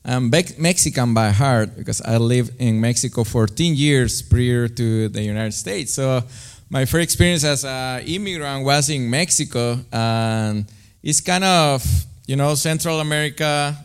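Smooth-voiced man. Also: mid-range voice, a little slow. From Guatemala. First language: Spanish. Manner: friendly, tells his story with light humor. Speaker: guest. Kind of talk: personal storytelling in interview.

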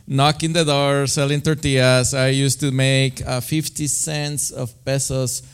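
Smooth-voiced man. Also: medium pitch, little pitch movement, unhurried. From Guatemala. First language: Spanish. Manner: friendly, tells his story with light humor. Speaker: guest. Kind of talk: personal storytelling in interview.

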